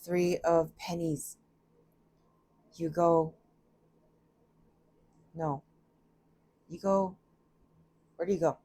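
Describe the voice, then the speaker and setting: Low-voiced chatty woman reading tarot. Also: steady tone, drawn-out words, long pauses, mellow, husky. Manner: chatty, laughs at herself, thinks aloud. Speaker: tarot reader. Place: home reptile room.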